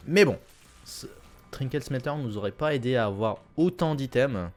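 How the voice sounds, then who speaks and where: A young man casually commenting on his own video game run, chatty and self-correcting with sudden excited bursts. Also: medium pitch, moderate pace, faint music behind. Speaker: gameplay commentator. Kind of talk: casual let's-play commentary.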